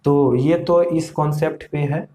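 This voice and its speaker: A man teaching an English pronunciation lesson, slowly repeating rules and asking the viewers questions. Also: on the high side, steady tone, warm tone. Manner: slow, repeats rules and asks the class questions.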